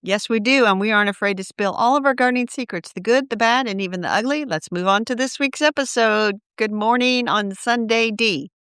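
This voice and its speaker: A woman's voice: on the high side, fairly quick, few pauses, a bit bright, smooth, no room sound, studio quality. A woman from Indiana co-hosting a gardening podcast, talking in a friendly, casual way. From Indiana, USA. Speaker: podcast co-host. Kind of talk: casual chat.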